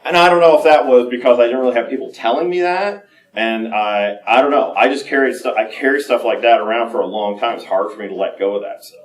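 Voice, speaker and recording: A man giving a candid personal talk at a conference, halting and full of fillers and restarts. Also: medium pitch. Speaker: conference speaker. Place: conference room. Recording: echoey room, mic from a distance.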